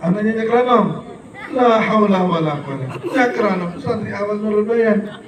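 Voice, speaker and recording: A man's voice: high-pitched, normal speed, far from the mic, noisy background. Jokey man preaching in an echoey hall. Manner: jokey, mimics regional dialects in quoted bits; preachy, motivational to students. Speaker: religious speaker at a school event. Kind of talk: humorous religious lecture. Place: school hall.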